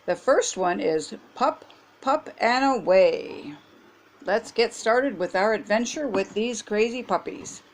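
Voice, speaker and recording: An older woman hosting her own show, reading a children's picture book aloud in a gentle, animated way. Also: mid-range voice, slow. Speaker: storybook reader.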